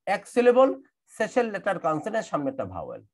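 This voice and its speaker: A man's voice: sits high, wildly swooping pitch. Bangladeshi guy teaching english online, voice goes up and down a lot, says words over and over. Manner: explains grammar rules slowly, repeating words and spelling them out. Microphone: computer mic in an online class.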